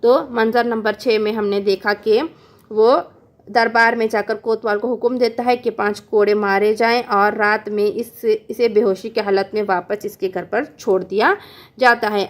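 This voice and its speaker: A woman tutor reading a play and its stage directions aloud for a class, steady and even. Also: medium pitch, measured pace.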